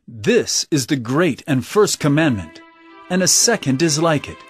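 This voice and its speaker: Emphatic, expressive Jesus, music underneath. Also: male voice, fairly high pitch, a little slow. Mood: authoritative teaching. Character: Jesus, an authoritative male teacher telling parables. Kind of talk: dramatized scripture audio drama.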